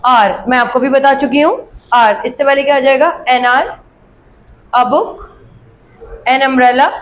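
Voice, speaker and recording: A woman teaching English grammar from a worksheet. She reads example sentences slowly and clearly, then explains them quickly, often asking her students questions and answering them herself. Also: high voice, poor audio.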